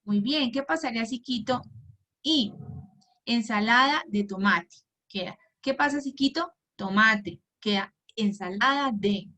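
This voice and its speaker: A woman giving a patient lesson to parents, checking in often with "right?" and spelling out example words slowly and clearly. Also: a little high, pushed and bright. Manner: patient, asks "¿verdad?" and "¿sí?" often; slow, clearly articulated model words. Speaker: homeschool teacher. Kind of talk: instructional talk to parents.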